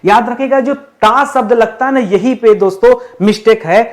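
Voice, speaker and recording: A man teaching an exam lesson, repeating words slowly while writing and asking and answering his own questions. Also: very high voice. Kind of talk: classroom-style lesson.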